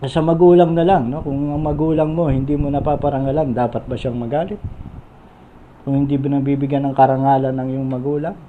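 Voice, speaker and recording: A man preaching a conversational sermon, often pausing with fillers and checking in with his listeners. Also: mid-range voice, little pitch movement, phone-quality sound, slight background noise. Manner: conversational, frequent "no?" and filler pauses.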